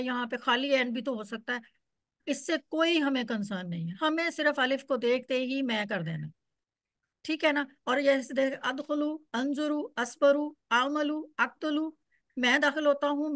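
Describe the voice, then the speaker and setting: Woman teacher with a high voice, patient, repeats stuff to drill it in, dry close sound. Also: a bit bright, no room sound. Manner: patient, explains step by step, repeats words to drill. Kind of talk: online Quran Arabic class.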